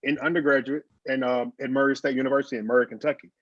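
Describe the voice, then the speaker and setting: Guest designer, forties, slight lisp, relaxed storytelling over a muffled call. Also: male voice, medium pitch, rapid-fire. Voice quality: slight lisp from dental aligners. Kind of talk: casual interview over video call. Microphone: video call. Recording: dull video call audio.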